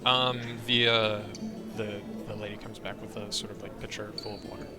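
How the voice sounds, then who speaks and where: A young man narrating a tabletop game as game master, halting, with many fillers. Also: fairly low pitch, flat delivery. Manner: hesitant, lots of fillers. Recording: music playing in the background.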